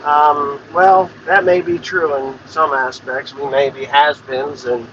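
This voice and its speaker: Farmer-host, man, forties, bright higher voice, rambling and blunt, muffled recording with faint engine hum. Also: fairly even intonation, takes it slowly. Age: 40s. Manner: plain-spoken, rambling, swears freely. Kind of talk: casual rambling monologue.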